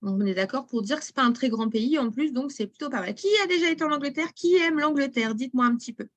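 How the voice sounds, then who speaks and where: A woman with a fairly high voice runs a live online demo of a booking platform. She chats easily with her viewers and reads their messages aloud. She speaks into a video call microphone. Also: fast talker. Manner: chatty, talks straight to viewers and reads chat messages aloud. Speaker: presenter of a travel booking platform.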